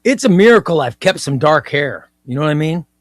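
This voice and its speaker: A man's voice: fairly high pitch, lively intonation, a little fast, no room sound, clean studio sound. A man in his fifties hosting a comic book livestream, chatting casually and with enthusiasm, often repeating himself. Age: 50s. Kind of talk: casual livestream chat reading viewer comments.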